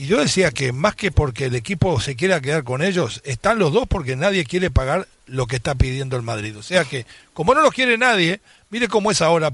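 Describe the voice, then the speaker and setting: A man hosts a sports call-in radio show with a fairly high voice. The sound is close and dry. He banters with callers, teasing and joking. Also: fairly bright tone, no room sound.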